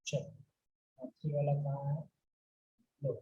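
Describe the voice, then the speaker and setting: A man's voice: mid-range voice, little pitch movement, slow pace, dark tone, muffled recording, a little hiss or hum. A man teaching chemistry to a class, repeatedly firing questions at his students and drilling the answers. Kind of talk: classroom lecture. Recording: echoey room.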